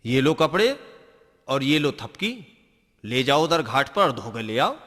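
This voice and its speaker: Bright, lively washerman played by a man, brisk and businesslike, recorded in a reverberant room. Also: medium pitch, exaggerated voice. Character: hardworking middle-aged washerman, brisk. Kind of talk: comedy sketch acting.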